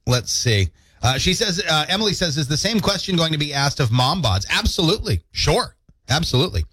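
A man's voice: on the high side, brisk, breathy edge, no echo. A man in his thirties co-hosting a morning radio show, telling stories and joking playfully. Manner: playful, animated storytelling with jokes. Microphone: studio mic.

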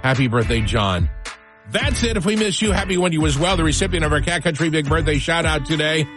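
A man's voice: on the high side, expressive, fast talker, music in the background. A man hosting a morning radio show, talking in an upbeat DJ style that moves between announcing and banter. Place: radio studio.

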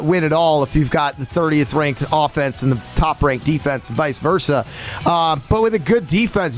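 A man co-hosting a sports talk radio show, quick and opinionated, teasing his partner. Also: fairly high pitch. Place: radio studio.

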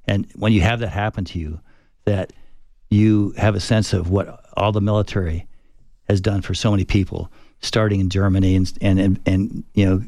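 A retired fighter pilot past middle age talks through his memories in a low, somewhat deep voice. He halts and restarts often, searching for words as he reminisces. The recording is dry and close, with no room sound. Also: level tone, dark tone, no echo. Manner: reflective, halting with many restarts and fillers. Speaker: retired Air Force fighter pilot, guest. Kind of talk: conversational interview storytelling.

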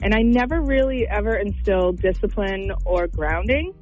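Middle-aged woman caller, medium pitch. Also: normal speed, darkish tone, lo-fi sound. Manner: candid, self-deprecating. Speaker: caller to a radio show. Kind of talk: casual chat, personal confession. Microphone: phone call. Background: faint music.

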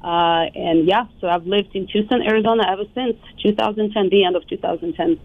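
A woman in her thirties from Ukraine, speaking with a Ukrainian accent, who calls in as a radio guest and talks softly and hesitantly with many fillers. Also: medium pitch, steady tone, brisk, dry recording. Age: 30s. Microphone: phone. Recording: dry, tinny phone line.

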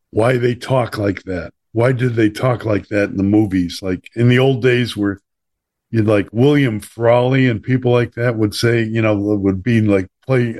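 A middle-aged man with a Chicago accent hosting a talk show, rambling and lively with many fillers. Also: fairly low pitch. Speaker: podcast host. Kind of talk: casual chat.

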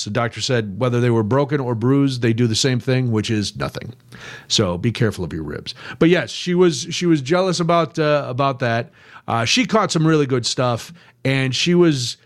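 An older man hosting a radio show, telling self-mocking stories in a casual chat. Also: mid-range voice. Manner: animated, self-mocking storyteller. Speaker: radio host.

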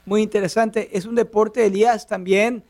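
A man's voice: sits high, little pitch movement, normal speed, darkish tone. A man hosting a radio interview show from a studio, with an upbeat, announcer-like delivery.

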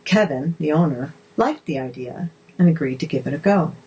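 A woman narrator reading articles aloud in a measured, steady way. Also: low voice, slight background noise, low-quality recording.

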